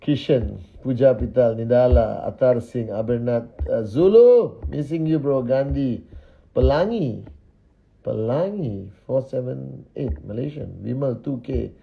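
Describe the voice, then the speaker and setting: A man's voice: mid-range voice, gravelly, phone-quality sound. A man hosting a casual live stream, cheerfully greeting viewers by name one after another. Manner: upbeat, reels off viewer names with quick greetings. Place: indoors, just back from a dinner.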